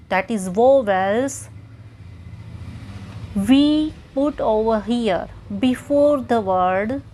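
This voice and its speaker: A woman with an Indian English accent, teaching a grammar lesson at a very unhurried pace. Her voice sits a little high, and she talks patiently, going over each point again and checking that the listener follows. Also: slight background noise.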